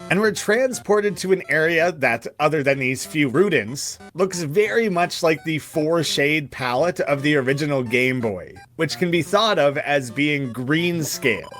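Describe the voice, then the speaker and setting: Slow, lively-voiced man narrating a walkthrough. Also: fairly high pitch, soft background music. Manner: calm, explanatory, step-by-step. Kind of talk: scripted game walkthrough narration.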